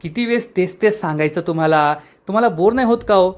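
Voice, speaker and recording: A man voicing a brash, impatient young servant woman who complains in a whiny, hurried way. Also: sits high, natural voice. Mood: irritated nagging.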